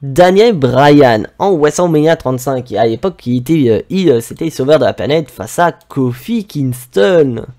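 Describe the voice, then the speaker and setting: A man giving relaxed, chatty commentary on his own gameplay, with frequent hesitations. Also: medium pitch, moderate pace, few pauses. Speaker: gaming YouTuber.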